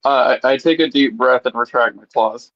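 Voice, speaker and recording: A man's voice: medium pitch, normal speed, dry recording. A man playing a tabletop game, chatting casually, joking and swearing freely. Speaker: player. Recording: dull, dry lo-fi mic.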